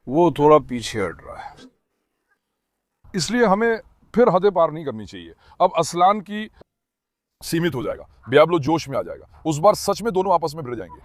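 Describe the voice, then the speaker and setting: A man filming his dogs, talking to viewers and calling and calming the dogs. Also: a little high, no echo. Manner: talks to viewers and calms his dogs in turns. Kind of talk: casual commentary to viewers.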